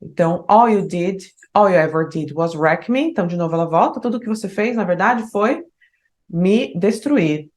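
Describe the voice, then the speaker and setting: A woman with a Brazilian Portuguese accent teaching an online English lesson. She explains step by step, often checks in with "né?", and slows down to read lyrics aloud. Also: on the low side, animated. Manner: explanatory, tags phrases with "né?".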